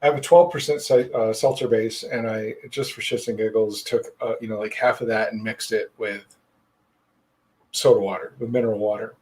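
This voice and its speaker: A man's voice: lowish voice, fairly even intonation, moderate pace, darkish tone, poor audio. Guy hosting a podcast, rambly, lots of ums, swears a bunch. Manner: rambling, swears freely, many fillers. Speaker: podcast host. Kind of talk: casual chat.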